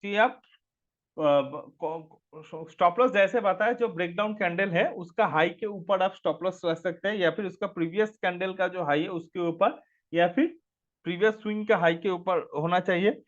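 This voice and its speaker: A man with a high voice runs a live online trading class, walking through his chart one step at a time. He reads each figure aloud and asks the audience to work out the answers. The sound is dull and lo-fi, like a web stream. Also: normal speed. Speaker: stock market trainer.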